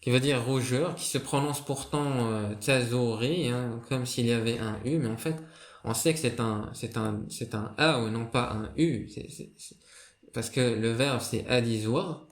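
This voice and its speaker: Man, mid pitch, casual explainer, lots of fillers and restarts, echoey room. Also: a little slow. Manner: hesitant, many fillers and restarts. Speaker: video creator explaining a writing system. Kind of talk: casual spoken lesson. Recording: roomy echo.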